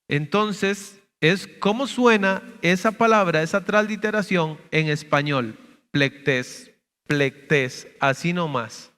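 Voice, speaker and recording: High-voiced pastor teaching. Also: male voice, a bit bright, smooth, big-room sound. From Costa Rica. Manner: explanatory, asks "¿verdad?" often. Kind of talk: teaching sermon. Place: church sanctuary.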